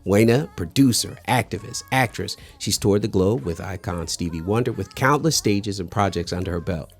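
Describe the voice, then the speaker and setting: A man hosting a relaxed interview show, upbeat and affirming, often answering with short mm-hmms. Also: on the low side, moderate pace, breathy edge, faint music behind. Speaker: host. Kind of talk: interview host chat.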